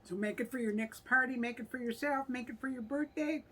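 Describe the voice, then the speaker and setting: A woman's voice: fairly high pitch, brisk, a bit bright, roomy sound. Cheerful middle-aged woman cooking host. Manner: cheerful, giggly, homey. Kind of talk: casual cooking chat. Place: home kitchen, later outdoors.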